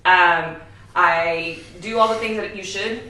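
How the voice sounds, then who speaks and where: A woman's voice: on the low side, slow pace. Candid woman in her forties, echoey room. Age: 40s. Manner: candid, animated, laughs often. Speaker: host. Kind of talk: casual chat. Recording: roomy echo, mic at a distance.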